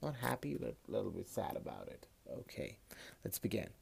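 A man in his late twenties with a Kashmiri accent, talking casually and haltingly as a podcast host, often repeating words, recorded on a phone. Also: fairly low pitch, lively intonation, creaky, a little mellow, breathy edge. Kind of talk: casual personal monologue.

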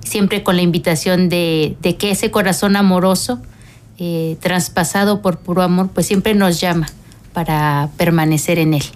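A middle-aged woman, a religious sister, speaking calmly and explaining at length in a radio interview, with frequent pauses and fillers. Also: fairly low pitch.

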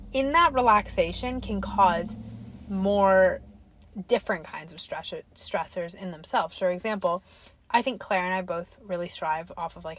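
A young woman co-hosting a casual podcast, talking in long rambling runs full of "like", her voice a little worn. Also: on the low side. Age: young adult. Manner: rambling, filler-heavy, lots of "like". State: slightly losing her voice. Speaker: podcast co-host. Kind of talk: casual chat. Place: quiet street.

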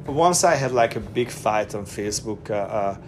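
A middle-aged Hungarian guest with a Hungarian accent chats casually in an interview at a moderate pace, his lowish voice lively in intonation. He's hesitant, with many fillers and restarts, laughs often, and there's slight background noise.

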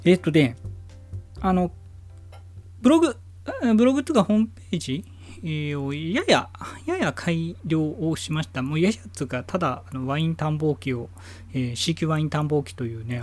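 A man's voice: on the high side, animated, fairly quick, a little mellow. A man hosting his own podcast from home, rambling casually with many fillers. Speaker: podcast host. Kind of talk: casual solo podcast talk.

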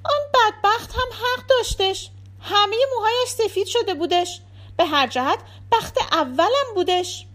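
A woman's voice: very high-pitched, fairly bright tone, pitched above the performer's own voice. A woman voicing a naive, cheeky young maid who answers back playfully. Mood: pert.

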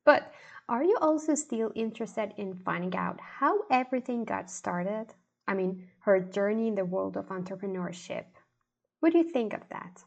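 A woman's voice: medium pitch, lively intonation, moderate pace, creaky. A woman hosting a podcast, reading scripted narration in an upbeat way and putting questions straight to the listener. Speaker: podcast host.

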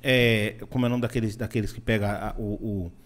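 A man's voice: fairly low pitch, steady tone, quick pace. A man hosting a casual chat, laughing often and reacting with chatty slang.

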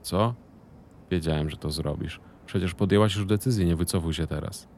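A man voicing a cocky, short-tempered male business partner who talks loudly and mockingly and swears. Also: sits low, moderate pace, slight background noise, close to an everyday voice. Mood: irritated.

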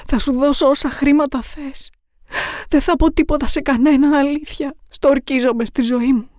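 A woman's voice: high-pitched, fairly even intonation, warm tone, no room sound, studio quality, pitched above the performer's own voice, close to an everyday voice. A woman narrator voicing a terrified chained woman who frantically begs for her life in a storybook horror reading. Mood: terrified pleading. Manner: frantic, pleading, rising to near-screams.

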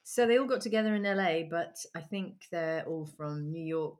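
A woman's voice: fairly low pitch, moderate pace. A woman hosting a casual music chat, giggly and rambling with lots of ums. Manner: chatty, giggly, trails off with ums. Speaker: podcast host.

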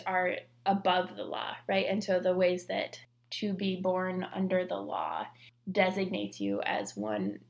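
Chatty woman with a creaky voice. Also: medium pitch. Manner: chatty, many "like" fillers. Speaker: podcast co-host. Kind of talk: casual chat about scripture and fiction.

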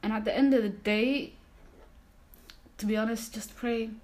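A woman co-hosting a podcast in casual chat, slangy and animated, acting out quotes. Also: on the high side, normal speed. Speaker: podcast co-host.

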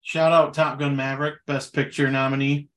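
A man co-hosting a podcast, chatting casually about movies in a relaxed way with loose fillers. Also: mid-range voice, normal speed. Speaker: podcast co-host.

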